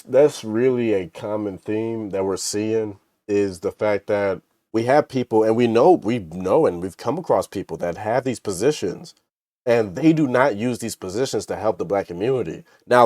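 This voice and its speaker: A man co-hosting a casual podcast discussion, talking in an animated way and breaking into mocking impressions. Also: lowish voice, normal speed, dry recording, clean studio sound. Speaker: podcast co-host.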